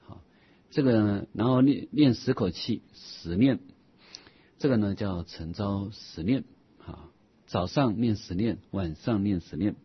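Man, buddhist teacher, husky voice, lively rising and falling pitch, dull lo-fi recording. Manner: patient, explanatory, reads quoted passages slowly and deliberately. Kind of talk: lecture reading and explaining a scripture.

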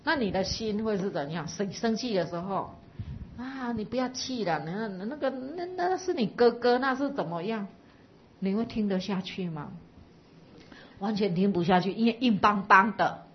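A woman's voice: medium pitch, animated, moderate pace, highs cut off, slight background noise. A woman Buddhist teacher giving a dharma talk to a live audience, explaining patiently and asking listeners to reflect.

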